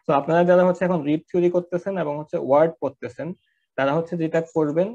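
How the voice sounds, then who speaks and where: A man's voice: a little high, fairly even intonation, fast talker, warm tone, lo-fi sound. A man teaching an online class, talking conversationally with many fillers and English words mixed in. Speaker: course instructor. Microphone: online class audio.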